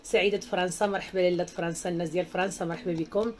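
A woman's voice: fairly low pitch, fairly even intonation, rapid-fire, a little hiss or hum. A woman with a Moroccan accent hosting a live stream, reading viewer comments and speaking out in an emphatic, outspoken way. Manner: outspoken and emphatic, with repeated exclamations.

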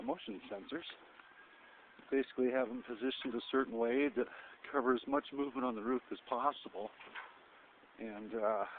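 Guy walking around a rooftop at night explaining stuff, lots of uhs, phone-ish tinny sound. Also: mid-range voice. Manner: rambling, many fillers and restarts. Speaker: electrician demonstrating security lights. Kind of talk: casual walkthrough demo. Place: outdoors on a commercial rooftop at night. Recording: tinny lo-fi camera audio, noisy.

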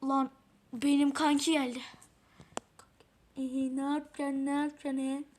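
A woman giving casual, excitable gameplay commentary, swearing often and talking to herself as she plays. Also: sits high, measured pace. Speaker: gamer playing a mobile game.

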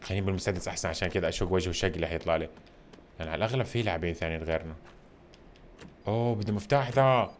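A man giving casual, excitable commentary while playing a video game, talking to his viewers all the time. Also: low voice, very fast, pauses often, slight background noise. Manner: excitable, chatty, addresses viewers constantly.

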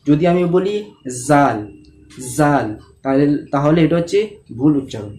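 A man with a slightly high voice who teaches letter pronunciation step by step. He speaks patiently, stretches each letter into a long held sound and keeps checking whether the learners follow. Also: animated, brisk, dark tone. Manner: asks the viewer to follow along and checks understanding. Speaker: Quran reading teacher. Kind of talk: step-by-step recitation lesson.

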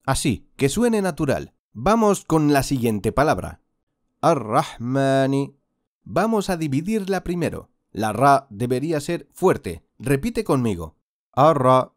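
Male instructor, patient repeat-after-me teaching, lively intonation, dry close sound. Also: medium pitch, no echo. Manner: patient, drawn-out demonstration of sounds. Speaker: Quran recitation teacher. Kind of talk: slow instructional lesson with repeat-after-me drills.

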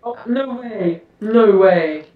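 Loud gamer yelling on voice chat, sounds like in a tube, echoey and far off, muffled. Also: medium pitch, lively intonation, takes it slowly. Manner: loud, eager, calls out to the others. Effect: sounds like talking through a tube. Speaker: player on voice chat. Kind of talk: excited gaming chat.

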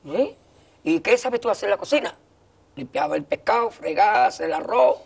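A man's voice: high-pitched, lively intonation, moderate pace, gravelly, breathy edge. A middle-aged man telling an anecdote as a guest on a TV talk show, acting out the dialogue he quotes. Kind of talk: anecdote told in a TV interview. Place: TV studio set with a desk. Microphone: desk microphone.

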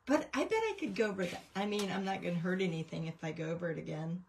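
A woman with a fairly low, darkish voice talks fast and animatedly while hosting a craft livestream. Sitting indoors at a craft table, she chats casually and rambles through a show-and-tell of her paintings.

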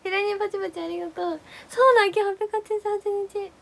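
Bubbly hoarse young woman streamer. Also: extremely high pitch, fairly even intonation, rough recording. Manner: bubbly, reads out and thanks viewers for gifts; playful exclamations and cute drawn-out reactions. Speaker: live streamer, former idol. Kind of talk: casual live-stream chat.

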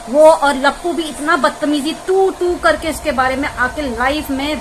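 A woman vlogger with a high-pitched voice delivers an indignant, scolding commentary rant aimed straight at the person she criticizes, whom she addresses directly. Background noise is present.

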